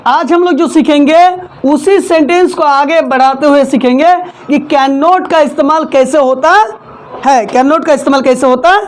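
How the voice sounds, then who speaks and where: A woman's voice: high-pitched, steady tone, moderate pace. A woman teaching English in a classroom, repeating each point and having the class echo it back. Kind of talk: classroom lesson, call-and-response drilling.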